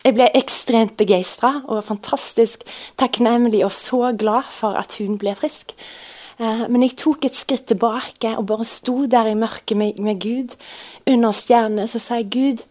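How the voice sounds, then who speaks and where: A woman's voice: a little high, steady tone, darkish tone. Earnest woman preaching. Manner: earnest, storytelling, frequent filler sounds. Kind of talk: sermon with personal testimony.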